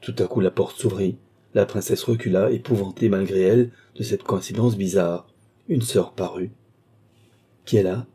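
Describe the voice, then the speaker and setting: A man reading a classic novel aloud as an audiobook narrator, measured and expressive. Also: sits low, slightly rough.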